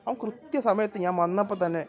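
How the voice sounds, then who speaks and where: A vlogger calls cats over to feed them, coaxing and scolding in short bursts of casual pet talk. The mid-range voice is brisk and darkish, recorded with dull lo-fi sound and faint noise while cats meow in the background.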